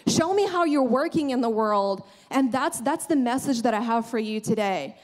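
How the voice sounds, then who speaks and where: A young woman delivers a sermon from a large church stage. Her voice sits a little high, and her earnest, conversational delivery is full of restarts and asides. She speaks into a handheld microphone. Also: lively intonation, normal speed, a little mellow.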